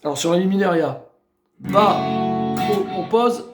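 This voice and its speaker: A man with a high, light voice walks through guitar chords in an unhurried, patient way, counting beats as he goes. He is recorded in an echoey room, with loud guitar playing alongside him. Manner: slow step-by-step explaining, counting beats and singing snatches while playing. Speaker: guitar teacher. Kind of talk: guitar tutorial.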